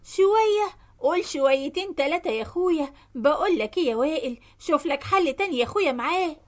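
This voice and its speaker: A woman's voice: high voice, expressive, fast talker. Woman doing a scheming, flirty Egyptian secretary. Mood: impatient scheming. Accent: Egyptian Arabic.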